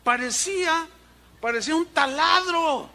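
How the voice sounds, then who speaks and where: Mexican male pastor, high bright voice, animated sermon storyteller. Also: unhurried, vocal fry. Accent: Mexican Spanish. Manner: animated storytelling, imitating sounds. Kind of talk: sermon with anecdotes.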